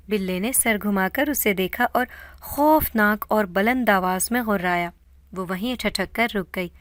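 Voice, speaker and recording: A woman narrating a scripted horror story in a dramatic, steady way. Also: medium pitch, no room sound.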